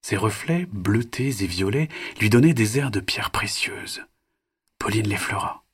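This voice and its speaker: Husky male storyteller for children. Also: lowish voice. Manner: expressive, soft and dramatic, drops to whispers.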